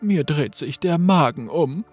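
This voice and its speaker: A man's voice: fairly high pitch, lively intonation, measured pace, soft background music. A man reading the lines of a mocking villainous sorceress in a game story. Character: scornful villainous sorceress woman.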